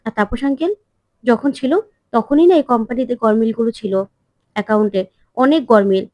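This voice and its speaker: A woman's voice: on the high side, brisk, warm tone, no room sound, close to an everyday voice. A woman voicing a scheming young wife who urgently warns her husband, in a TV serial retelling.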